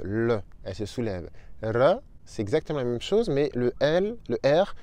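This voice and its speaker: A young adult man giving an upbeat online language lesson, slowly spelling out sounds for his viewers. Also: medium pitch, darkish tone, dry recording. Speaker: Spanish teacher.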